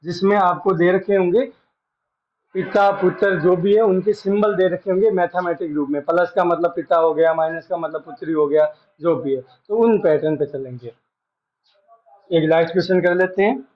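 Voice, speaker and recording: A man teaching a reasoning class as a lecture, explaining slowly and repeating each phrase. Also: high-pitched, highs cut off.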